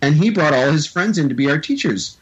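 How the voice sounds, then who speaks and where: A man's voice: a little high, expressive, a little fast, husky, highs cut off. A man from the American Midwest, a film composer, telling his story in a casual interview with enthusiastic, rambling sentences.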